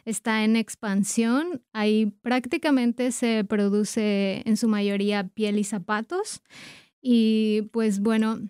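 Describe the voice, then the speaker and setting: A woman's voice: fairly high pitch, fairly even intonation, slow pace, a little mellow, clean tone, no echo, clean studio sound. A Mexican woman in her thirties answering as a talk show guest, hesitant with many fillers. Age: 30s. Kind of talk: interview answers.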